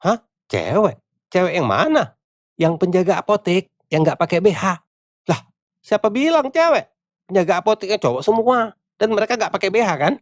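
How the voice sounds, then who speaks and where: A man's voice: sits high, very animated, moderate pace, no echo, dull audio, voice pushed up. A man voicing a sly prankster friend who talks in a conspiratorial, slangy way.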